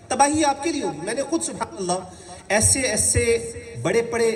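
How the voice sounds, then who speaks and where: A man from Pakistan giving a motivational religious talk as guest speaker, telling stories with asides and jokes. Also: high voice. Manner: animated storytelling with asides and jokes. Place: university hall. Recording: distant mic in reverberant hall.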